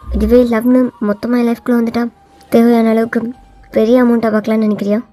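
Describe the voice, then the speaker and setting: A woman's voice: a little high, little pitch movement, fast, dark tone, soft background music, pitched below the performer's own voice, lightly acted. A woman voicing a cold, arrogant young male CEO who talks in a taunting, domineering way. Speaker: voiceover artist.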